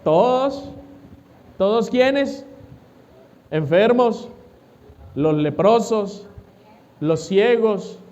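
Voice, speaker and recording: A man's voice: sits high, expressive, drawn-out words, pauses often, darkish tone, dull audio. A man, a pastor preaching a sermon who asks the congregation questions and answers them himself.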